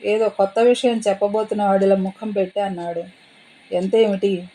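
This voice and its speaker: Mellow woman reading a novel aloud. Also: medium pitch, poor audio. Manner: steady, measured storytelling. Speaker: audiobook narrator.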